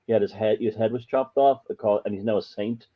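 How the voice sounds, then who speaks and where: An Irish man appears as a podcast guest, telling stories in a rambling, emphatic style during a casual chat. His voice sits on the low side with fairly even intonation, and he talks fast. The recording is muffled and lo-fi.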